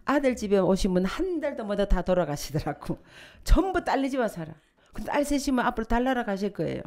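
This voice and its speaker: A woman's voice: mid-range voice, fast talker. An older woman, a pastor's wife, giving a sermon with humorous stories and sudden swells into fervent prayer. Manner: humorous, lively storytelling with sudden emotional swells. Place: church sanctuary.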